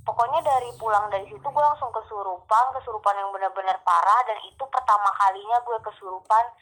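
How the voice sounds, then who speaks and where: A young woman recounts a spooky tale in relaxed, casual chat. She talks in loose runs full of fillers, restarts and little asides. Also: mid-range voice, fast talker, low-quality recording. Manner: animated storytelling with many fillers. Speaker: storyteller guest.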